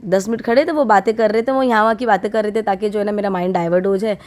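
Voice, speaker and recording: An unwell woman in her thirties talks to her vlog audience from home. Her voice is dark and mellow, held at a middling pitch. She chats on in a heartfelt, confiding way. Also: fairly even intonation, racing. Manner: chatty and heartfelt, speaks straight to viewers. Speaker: vlogger. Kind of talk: casual vlog talk to viewers.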